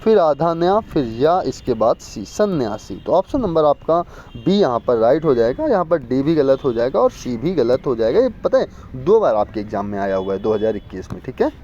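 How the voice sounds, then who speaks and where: A man teaching an exam-prep spelling lesson, repeating words and quizzing viewers with quick questions. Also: mid-range voice, very animated, dark tone. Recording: muffled lo-fi with faint street noise.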